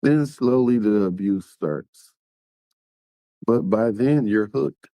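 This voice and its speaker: A podcast host talks casually and directly to his listeners, sometimes acting out what other people said. His voice is lowish and warm, he takes it slowly, and there's no echo.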